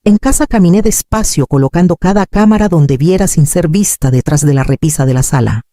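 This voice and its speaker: A man narrating a dramatic story in a slow, solemn, expressive way. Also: on the high side.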